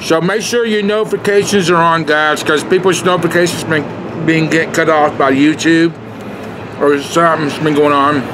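Higher-voiced middle-aged man vlogging outdoors. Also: fairly even intonation, normal speed. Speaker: food review vlogger. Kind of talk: casual vlog chat. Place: outdoor fast-food patio. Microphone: camera at arm's length. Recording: noisy outdoor traffic background.

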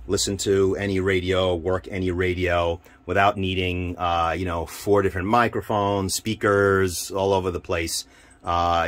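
Inside a military-style off-road vehicle, a low-voiced man who's into radio as a hobby shows off his equipment informally, handling the gear and thinking aloud in a halting way. He's holding a camera in one hand, leaving the other free, so the sound is noisy handheld camera audio.

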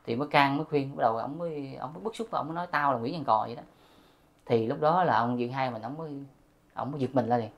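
A man's voice: mid-range voice, fast talker, creaky, highs cut off. A middle-aged man, telling a spiritual story to his viewers in a repetitive style and addressing them directly. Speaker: host of a spiritual channel.

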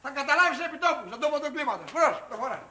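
A man's voice: very high voice, animated, noisy background. An actor playing a bossy male repairman who barks orders and calls his helper names, in a 1980s comedy film. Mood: bossy scolding. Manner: brash, barking orders and name-calling. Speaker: tradesman fixing a roller shutter.

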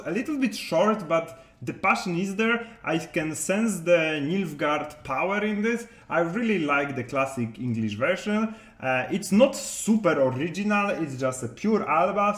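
A man's voice: fairly high pitch, fairly bright tone, reverberant. A man talking casually to his viewers as a game content creator, rambling with many hesitations and restarts, in non-native English.

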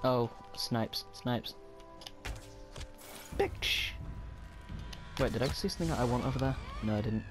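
A man giving casual, excitable gameplay commentary, swearing often and chatting to himself. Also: medium pitch, fast talker, few pauses. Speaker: gaming video creator. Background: game music.

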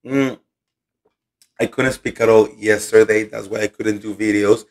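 Hoarse man, gossip show host, casual chatty delivery, lots of fillers, slow and careful speech. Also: on the low side. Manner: chatty, filler-heavy, "you know" and "like"; speaks slowly and calmly to spare his voice. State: hoarse, losing his voice.

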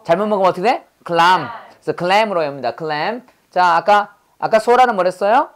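A fairly low-pitched woman runs an animated English vocabulary lesson at a moderate pace. Students respond as she drills the words by repeating them and tests them with quizzes.

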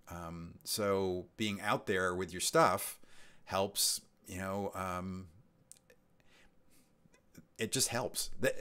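Deep-voiced guy in his 50s, rambling through chat questions, lots of ums and restarts. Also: a bit bright. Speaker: livestream host. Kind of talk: casual live-stream chat.

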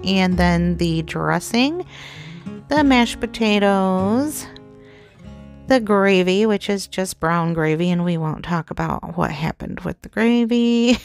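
A woman's voice: mid-range voice, animated, slow pace, no echo. A woman hosting a home cooking vlog, narrating her dishes in a chatty, homey way with small laughs. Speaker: cooking channel host. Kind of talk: casual cook-along narration. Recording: music playing underneath.

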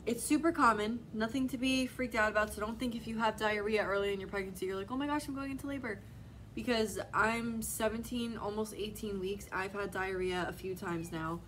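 A woman's voice: mid-range voice, a bit bright, slight background noise, poor audio. A young adult woman talking casually to camera as a vlogger, speaking frankly and reassuringly and saying "like" a lot. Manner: frank and reassuring, heavy use of "like". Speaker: vlogger, pregnant mother.

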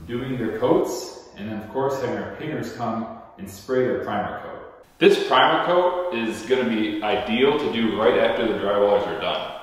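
Young adult American male builder-host, explanatory delivery, heavy cave echo and long reverb from an empty house interior. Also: medium pitch. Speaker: home builder hosting a project video. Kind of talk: explanatory presenting to camera. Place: large empty unfinished house interior, indoors.

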